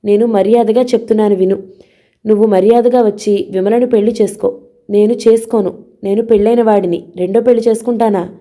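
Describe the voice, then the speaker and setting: A woman's voice: medium pitch, fairly even intonation, brisk, warm tone, close to an everyday voice. A woman voicing a young husband who firmly defends his marriage against his family in an audio novel. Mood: defiant. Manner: firm, defiant.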